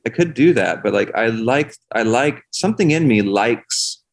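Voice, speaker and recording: A man's voice: medium pitch, lively intonation, normal speed, gravelly. A man talking candidly and casually as a podcast guest, in an earnest, rambling way peppered with swearing.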